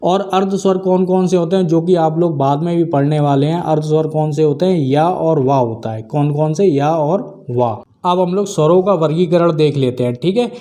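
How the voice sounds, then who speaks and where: A man's voice: fairly high pitch, normal speed, hardly any pauses, mellow. A man teaching an exam-prep grammar lesson, who keeps saying "theek hai" and asks and answers his own questions. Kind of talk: video lesson explaining grammar.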